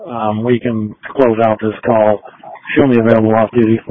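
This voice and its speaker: A man speaking as a police officer over a police radio, reporting and closing out a call in a brisk, businesslike way. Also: on the low side, little pitch movement, no room sound. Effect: police radio transmission. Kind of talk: terse radio codes. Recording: tinny, dry radio channel.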